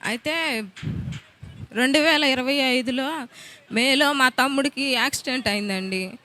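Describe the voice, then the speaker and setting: A woman's voice: high-pitched, unhurried, sharp tone, slight background noise. A woman from Andhra Pradesh, India, telling her personal testimony in plain, earnest words. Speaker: testimony giver.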